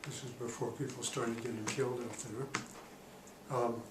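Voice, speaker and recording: Speaking at a normal male pitch, a man in his eighties reflects on his years as a diplomat for an oral history interview. He is calm yet halting, often pausing and using fillers while searching for words. A faraway mic captures the echoing room and a faint hiss.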